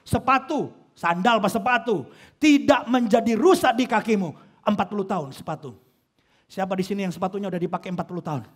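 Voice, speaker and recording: Male pastor, high voice, lively and joking sermon delivery, acts out voices of people. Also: a little fast. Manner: animated, acts out quoted voices of churchgoers; joking, conversational with the congregation.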